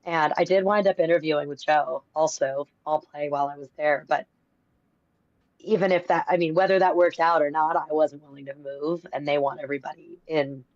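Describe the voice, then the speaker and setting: A woman with a lowish voice, losing her voice, tells rambling stories as a guest on a stream. She is heard over dry, slightly dull call audio with no room sound. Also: fairly even intonation, brisk, darkish tone, dry recording. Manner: rambling, many fillers and restarts. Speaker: guest from a game publisher. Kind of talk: casual storytelling chat.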